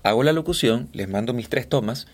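A man from Guayaquil, Ecuador, a voice-over artist telling stories in a relaxed interview, often slipping into imitated voices. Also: mid-range voice, a little fast. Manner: animated storyteller, slips into imitated voices. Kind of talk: casual interview chat.

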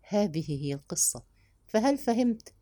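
A woman voicing a proud, bold yet tender young woman, speaking softly and intimately in a storybook reading. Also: medium pitch, big pitch swings, normal speed.

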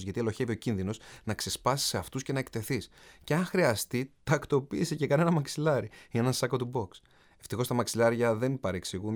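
A man, an author and coach, narrating a self-help audiobook in an emphatic way, speaking straight to the listener. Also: medium pitch. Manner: emphatic, addresses the listener directly.

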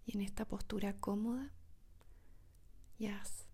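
A woman whispers a guided meditation in the soothing manner of a sleep story narrator, speaking softly with long pauses. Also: medium pitch, fairly even intonation, breathy edge.

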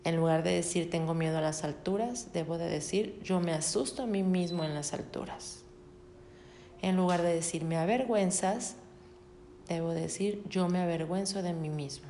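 A woman reads a self-help passage aloud at a steady, even pace. Every so often she slips into casual asides before going back to the text. Her voice carries a noticeable room echo, with a faint rumble underneath. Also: normal speed. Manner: steady reading broken by casual spoken asides. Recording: roomy echo.

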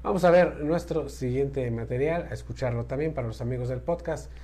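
A man's voice: mid-range voice, a little fast, mellow. Podcast host guy, laid back, just chatting about a creepy story. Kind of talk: casual podcast chat.

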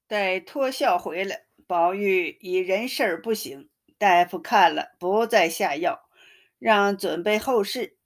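A woman tells a classic tale at an unhurried, measured pace. Her voice sits at a medium pitch and stays steady and even from line to line, like a careful storyteller reading aloud. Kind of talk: scripted narration of a classic novel.

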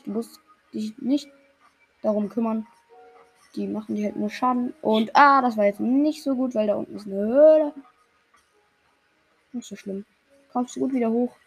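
A woman's voice: fairly high pitch, creaky, breathy edge. A young woman in casual gameplay chat, talking another player through a game in a reassuring, slangy way. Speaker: player coaching another gamer.

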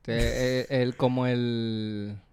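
A young Venezuelan man and comedian co-hosting a casual podcast chat, full of slang and quick impressions of others. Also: medium pitch, clear, resonant tone. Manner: animated, slangy, quotes others in voices.

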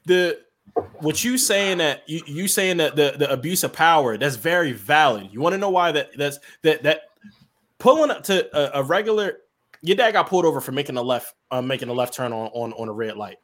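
Man, somewhat high voice, emphatic explainer, stumbles into his sentences. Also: expressive, brisk, a bit bright. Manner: emphatic, explanatory, stammers when starting. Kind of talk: casual chat.

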